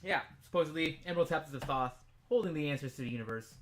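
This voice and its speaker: A man co-hosting a casual podcast, goofy and jokey, swinging from mumbles to loud outbursts. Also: on the high side, lively intonation, fast. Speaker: podcast co-host. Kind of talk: casual chat.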